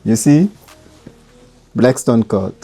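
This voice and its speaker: A man's voice: medium pitch, expressive, slow pace, warm tone, soft background music. A man, a designer, speaking earnestly in broken English and often repeating his words. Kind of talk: casual chat in broken English.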